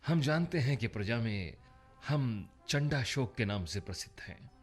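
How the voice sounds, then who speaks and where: Man acting slow, brooding, remorseful emperor. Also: medium pitch, animated, soft background music, lightly acted. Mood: grave, confessional. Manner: theatrical, solemn, dramatic pauses. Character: remorseful, brooding Indian emperor, once feared for his rage. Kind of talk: Hindi radio drama acting.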